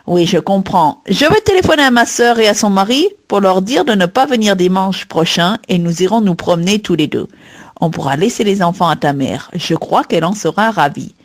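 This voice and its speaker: A woman voicing a patient husband in a read-aloud textbook dialogue, calm and conciliatory. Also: mid-range voice, normal speed, natural voice. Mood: soothing. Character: patient, placating middle-aged husband.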